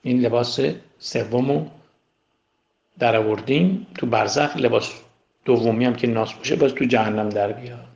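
Man, religious class teacher, gravelly voice, rhetorical questions, repetitive emphasis, roomy echo. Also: mid-range voice, a little mellow, dull audio. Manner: asks rhetorical questions and repeats key words.

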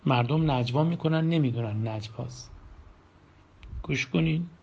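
A man's voice: mid-range voice, creaky, darkish tone, husky. A man giving a Quran commentary lesson, reciting verses and then explaining them in plain, conversational speech. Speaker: Quran teacher. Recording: dull lo-fi recording with faint background hum.

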